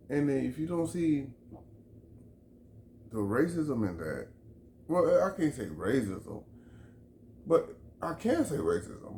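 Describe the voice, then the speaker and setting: Man, mid-pitched, fired-up vlog rant, swears and repeats points, echoey room with light background hum. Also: warm tone. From Chicago. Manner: heated, emphatic, profane, repeats himself. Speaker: vlogger. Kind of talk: opinion rant to camera. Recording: roomy echo, faint background ambience.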